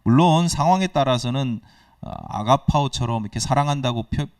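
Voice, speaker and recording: In a church sanctuary, a male pastor preaches a sermon, posing questions to the congregation and acting out quoted dialogue. His mid-range voice is fairly quick and darkish in tone. The sound is dry with no echo, and he stands away from a distant mic.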